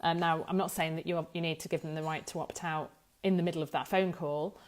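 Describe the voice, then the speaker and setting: A data protection law expert gives an informal explanatory talk to camera, walking listeners through a practical explainer. Her slightly low voice moves fairly quickly with fairly even intonation, and she sounds hesitant, working out her phrasing aloud and correcting herself as she goes.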